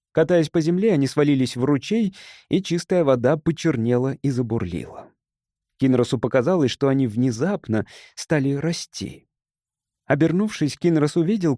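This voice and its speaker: A man's voice: mid-range voice, dark tone, no echo. A man narrating an adventure audiobook in a dramatic, tense storytelling manner, close to the mic. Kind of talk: scripted narration.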